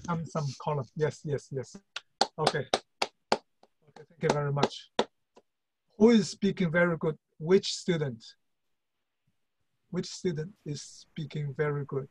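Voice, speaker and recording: High, husky Hong Kong male teacher. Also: a little slow, pauses often, darkish tone, low-quality recording. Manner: repeats words and short phrases, encouraging. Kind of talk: online class, giving feedback to students. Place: small book-lined office indoors. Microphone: video call computer microphone.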